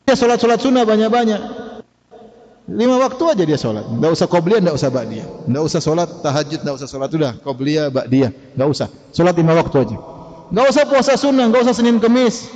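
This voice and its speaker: A man's voice: on the high side, a little mellow. A male preacher giving a conversational sermon, questioning the audience and laughing now and then. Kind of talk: sermon lecture. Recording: dull reverberant hall recording.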